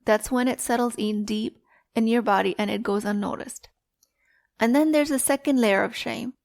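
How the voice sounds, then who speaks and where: Woman, life coach, calm measured podcast teaching, pitched a bit high. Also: vocal fry. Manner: calm, deliberate, instructive.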